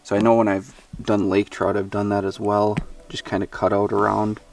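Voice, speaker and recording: A man's voice: on the low side, completely flat delivery, moderate pace, creaky, noisy background. A young man talking casually while cleaning and cooking fish outdoors, thinking aloud with plenty of fillers and self-deprecating asides. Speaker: fishing vlogger. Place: outdoors by a forest lake. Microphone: camera mic, handheld and ground-mounted. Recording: outdoor camera audio from a distance.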